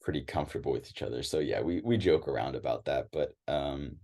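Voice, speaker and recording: This young American interview guest has an extremely low, darkish voice and talks fairly quickly. The chat is casual, yet he comes across as hesitant, full of fillers and restarted sentences.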